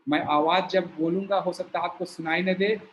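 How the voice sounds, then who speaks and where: A man teaching a yoga breathing exercise, explaining slowly while he shows each step. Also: high-pitched, fairly even intonation, lo-fi sound, slight background noise. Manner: slow, explanatory, shows movements while talking.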